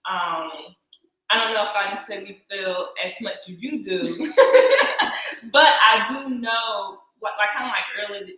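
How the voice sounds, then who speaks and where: A woman hosts a relaxed chat and talks with bubbly enthusiasm, full of little fillers. Her voice is bright and clear. She sounds like she is on a video call from a room with a lot of echo. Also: mid-range voice, a little slow. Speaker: host. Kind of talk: casual conversation.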